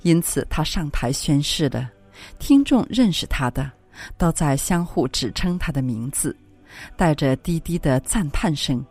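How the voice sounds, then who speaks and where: Low, expressive woman reading devotional prose. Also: unhurried, husky. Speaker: audiobook reader. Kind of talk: reading a religious classic aloud. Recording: dry close recording with faint music.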